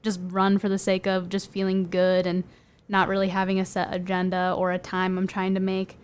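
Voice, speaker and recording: A woman's voice: medium pitch, completely flat delivery, moderate pace, clear, resonant tone. A young woman guest in a casual podcast chat, talking openly with many fillers. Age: young adult. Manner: chatty, many "like" fillers, light laughs.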